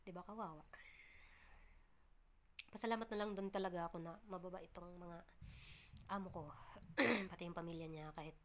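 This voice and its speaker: A woman vlogging casually to her viewers, chatty and full of fillers and restarts, often laughing and breaking off to cough or clear her throat. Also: on the low side, steady tone, normal speed, pauses often, a bit bright. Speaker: vlogger, domestic worker abroad.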